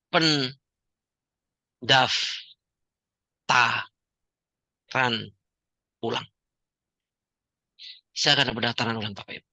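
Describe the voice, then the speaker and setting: A man giving a joking, animated motivational talk to an audience as the founder of a community. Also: medium pitch, no echo. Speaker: founder and coach of a debt-free community.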